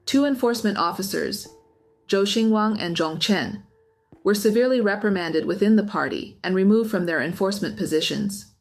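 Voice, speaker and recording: A woman's voice: medium pitch, moderate pace. A woman reading a scripted documentary-style narration of a news story.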